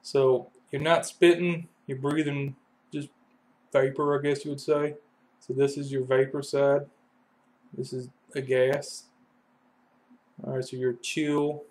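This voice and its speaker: Folksy Kentucky man explaining HVAC. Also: mid-range voice. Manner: folksy, loose analogies with many fillers. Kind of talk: casual how-to explanation.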